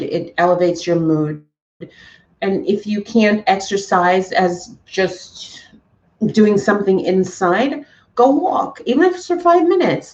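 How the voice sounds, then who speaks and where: A woman's voice: medium pitch, darkish tone, far from the mic, highs cut off. A woman hosting a casual livestream chat, talking to her viewers in an encouraging, emphatic way and often repeating herself. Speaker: livestream host.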